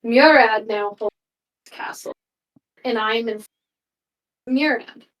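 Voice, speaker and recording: A woman voicing a stern, usurping male cat-folk king who talks in a slow, cold, measured way in a tabletop game. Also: fairly high pitch, a bit bright, far from the mic, low-quality recording. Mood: menacing.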